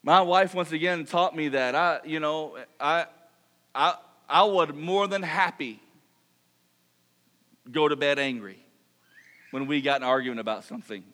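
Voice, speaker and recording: High-voiced man preaching a lively sermon. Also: moderate pace, long pauses. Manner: lively preaching, reads Scripture, mock-apologizes in funny voices. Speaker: pastor.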